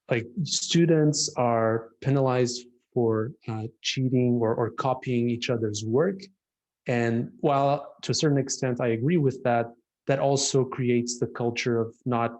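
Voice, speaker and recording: A Portuguese designer with a Portuguese accent talks reflectively with a colleague in casual conversation, often restarting his sentences. His voice is mid-range and a little mellow, and the recording is rough.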